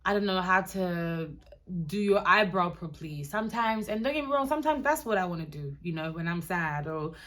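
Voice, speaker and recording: A woman's voice: on the low side, lively intonation, a little fast, a bit bright. A young woman from Ghana with a mixed American, Ghanaian and London accent, chatting candidly to camera in a rambling, casual way. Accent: mix of American, Ghanaian and London. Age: young adult. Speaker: vlogger.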